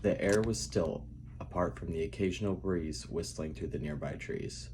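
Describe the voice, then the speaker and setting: A man speaking softly and calmly as he reads his own fantasy writing aloud in a quiet narrating style. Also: deep voice, moderate pace, noisy background. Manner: quiet, calm, soft-spoken reading. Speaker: writer reading own novel aloud.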